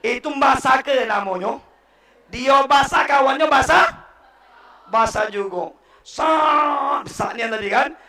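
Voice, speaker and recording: A man preaching at a mosque to school students with a Palembang accent, animated and quizzing his listeners, correcting their recitation. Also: extremely high pitch, takes it slowly, long pauses. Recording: echoey room, voice from far off.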